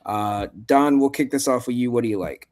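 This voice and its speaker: A man's voice: medium pitch, brisk, a little mellow. A man hosting a sports betting show, reading out spreads and percentages and passing to each panelist. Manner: reads out betting lines and percentages, hands off to panel. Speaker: host.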